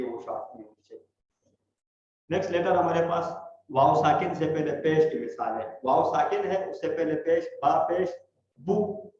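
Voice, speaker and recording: A man's voice: a little high, a little mellow. A man teaching a Quran recitation class online, patient and explaining step by step. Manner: patient, explains step by step, checks understanding often. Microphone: online video call. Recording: echoey, muffled online call audio.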